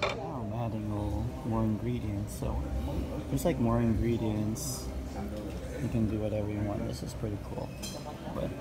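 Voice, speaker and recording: A middle-aged man casually vlogging his meal in a large restaurant, talking into a handheld phone camera with many relaxed fillers. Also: fairly low pitch, moderate pace, heavy background noise. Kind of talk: casual vlog narration. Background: loud music.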